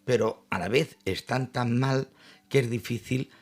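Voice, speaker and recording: An older man, a psychologist guest in a panel discussion, speaking in a measured, reflective way and laying out his points in order. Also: mid-range voice, vocal fry.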